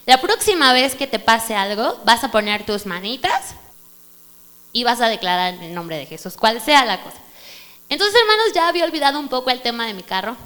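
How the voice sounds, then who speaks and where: A woman with a Mexican Spanish accent preaches at a church service, telling her testimony in a lively way and calling the listeners brother. Her voice sits a little high and sounds bright and forceful. It rings out in a reverberant hall, with a low mains hum underneath. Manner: animated storytelling, addresses listeners as brother. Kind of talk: sermon testimony.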